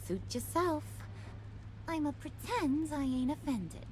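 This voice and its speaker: Harley Quinn, swooping, high-voiced playful villainess. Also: female voice, expressive, a little hiss or hum, rough recording. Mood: gleeful, flirty. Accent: American. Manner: teasing, sing-song, slangy, drawn-out mock sweetness. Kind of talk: video game voice acting.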